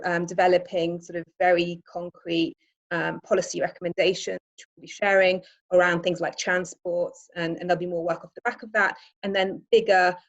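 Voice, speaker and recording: A woman's voice: fairly low pitch, dull audio. A woman from Iraq, an environmental campaigner giving a webinar presentation, talking hesitantly with many restarts and ums.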